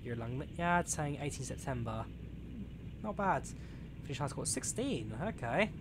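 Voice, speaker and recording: While playing a train simulator on stream, a roughly twenty-year-old man from England talks chattily and rambles, reading out chat messages full of fillers. His mid-range voice is very animated at a moderate pace, with the simulator's engine and rail noise clearly behind it.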